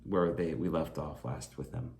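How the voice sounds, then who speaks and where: A man co-hosting a podcast, talking in a relaxed, agreeable way with many fillers. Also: very deep voice, moderate pace, creaky, slight background noise. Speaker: podcast co-host. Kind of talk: casual chat recapping a reality show.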